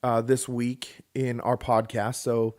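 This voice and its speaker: A podcast co-host in his thirties rambles slowly in a mid-range voice, chatting casually and telling stories. He gets animated and voices the people he quotes.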